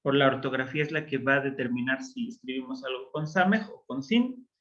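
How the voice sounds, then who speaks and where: A man teaching a Biblical Hebrew class online, explaining slowly and patiently with frequent pauses and fillers. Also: mid-range voice, fairly bright tone, highs cut off.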